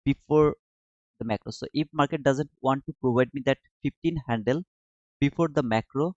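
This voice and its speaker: The Bangladesh-based streamer, mid-range in voice, keeps up casual commentary on his live trading chart while chatting with viewers. It is a dull, dry lo-fi recording without room sound.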